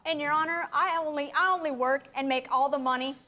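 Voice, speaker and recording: A woman litigant on a TV court show, testifying in a plaintive, halting, complaining way. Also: high-pitched, fairly even intonation, bright, forceful tone.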